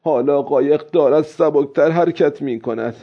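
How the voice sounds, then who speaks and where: A man's voice: fairly high pitch, voice pushed up. A man doing a weary old fisherman. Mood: self-chiding. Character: weary old male fisherman talking to himself. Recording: dull lo-fi recording.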